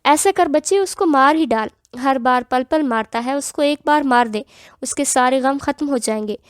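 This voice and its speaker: A woman's voice: fairly high pitch, darkish tone, no echo, studio quality, close to an everyday voice. A woman voicing a bitter, harsh old grandmother in a spoken novel, clipped and cold.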